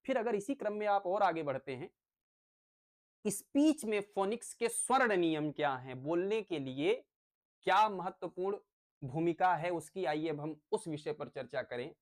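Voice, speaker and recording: A man's voice: high-pitched, expressive, moderate pace. A male teacher giving a lecture on phonics, explaining step by step with everyday examples.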